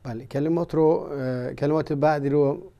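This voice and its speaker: A man teaching vocabulary in a language lesson, explaining slowly with many pauses and fillers. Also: a little high, fairly even intonation, creaky, warm tone. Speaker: Arabic teacher. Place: studio.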